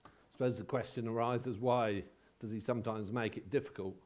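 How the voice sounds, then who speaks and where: In a medium-pitched voice, a man delivers a relaxed, conversational sermon. He pauses often and shares personal stories laced with self-deprecating humour.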